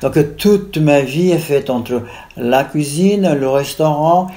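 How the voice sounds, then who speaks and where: A woman's voice: low-pitched, slow pace, mellow. Woman, sixties, from Brazil. Author guest, rambling and list-heavy. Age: 60s. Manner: digressive, piles up lists and restarts. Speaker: author being interviewed. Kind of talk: conversational interview.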